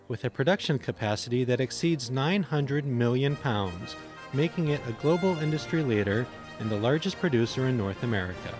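A man reading a scripted promotional narration as an infomercial narrator. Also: medium pitch.

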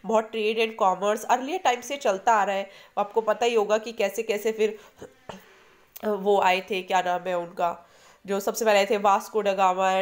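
Switching between Hindi and English, an Indian woman with a mid-range voice leads a history class aimed at exam preparation. Her explanations are patient, and she poses questions to the students.

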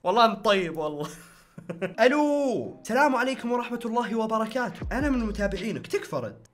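A man's voice: high voice, expressive, racing, a little hiss or hum. A young man, hosting a casual reaction vlog in a playful way and laughing often. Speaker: YouTuber host.

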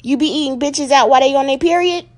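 A woman hosting a comedic talk show, brash and teasing, who jokes loudly with her guest. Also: high-pitched, fast.

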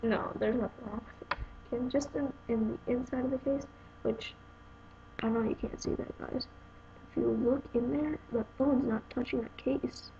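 Gravelly-voiced young woman rambling through an unboxing. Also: a little high, steady tone, moderate pace, dark tone. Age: young adult. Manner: rambling, exasperated, talks straight to viewers. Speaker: vlogger reviewing a phone case. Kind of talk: casual unboxing review to camera. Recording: dull lo-fi home video with noise.

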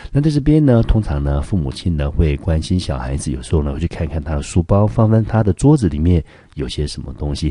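Taiwanese guy teaching english exam stuff, super low voice, dark and mellow, lots of little pauses. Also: breathy edge, dry recording, studio quality. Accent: Taiwanese Mandarin. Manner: slow, patient explaining with frequent "呢" pauses. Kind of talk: exam question walkthrough.

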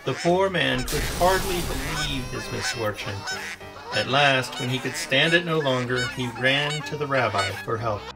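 A male pastor reading a children's story aloud in an expressive, lively way. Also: mid-range voice, unhurried, vocal fry, over music.

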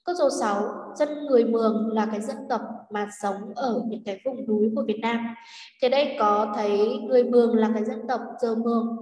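A Vietnamese woman teacher walks through an English exam patiently, pausing to check that students follow along. Her voice sits a little high. She sounds set back from the mic in an echoey room with a long reverb. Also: fairly even intonation, darkish tone, far from the mic. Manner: patient, step-by-step explaining with checking questions. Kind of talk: exam review lesson.

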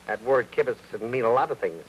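An actor with a Brooklyn accent playing a cocky young mechanic who talks in brash, teasing wisecracks. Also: male voice, mid-range voice, expressive, fast, slight background noise, natural voice, poor audio. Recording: 1940s film soundtrack with faint music.

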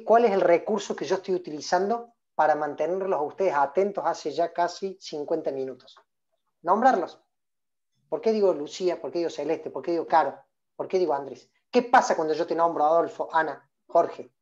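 A man's voice: on the high side, darkish tone, highs cut off. Rioplatense man coaching over video call. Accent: Rioplatense Spanish. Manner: engaging, calls on listeners by name, many questions. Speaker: public speaking trainer. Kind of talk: interactive online workshop talk.

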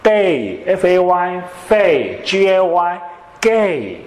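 Male teacher, quizzing his class in call-and-response, a bit higher-pitched, echoey room sound. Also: big pitch swings. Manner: drills students with quick questions. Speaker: English teacher. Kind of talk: classroom lecture.

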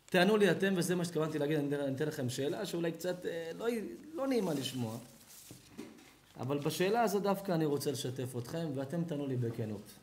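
A male rabbi delivering a sermon to a live audience, animated and dramatic, acting out scenes as he teaches. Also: fairly high pitch, roomy sound, a little hiss or hum. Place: lecture hall or synagogue.

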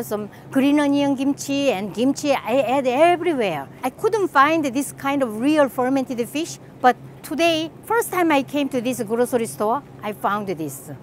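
A middle-aged Korean woman with a high voice and a Korean accent hosts a cooking channel, chatting eagerly and laughing often as she strolls indoor grocery aisles showing products to the camera. There's slight hiss or hum on the recording.

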